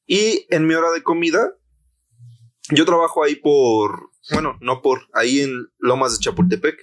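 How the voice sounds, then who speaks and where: A young man with a Mexican Spanish accent telling a story in casual chat, slangy and animated, acting out the voices he quotes. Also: on the high side, normal speed. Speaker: podcast co-host.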